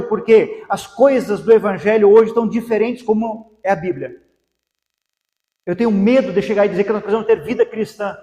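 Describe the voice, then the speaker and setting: A man's voice: high-pitched, dark tone. A man with a Brazilian Portuguese accent preaching a sermon as pastor, asking repeated rhetorical questions. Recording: echoey hall with long reverb.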